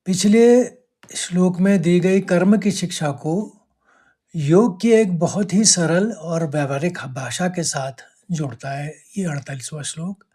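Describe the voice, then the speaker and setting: A man teaching a scripture verse, explaining each word slowly and chanting the Sanskrit lines. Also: sits high, mellow, husky. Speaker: Gita teacher. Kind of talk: slow Sanskrit recitation lesson.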